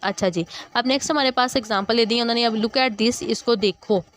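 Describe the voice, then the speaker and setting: A woman teacher explains English grammar patiently. She reads each English sentence slowly and then translates it. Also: on the high side, a bit bright. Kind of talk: classroom grammar lesson.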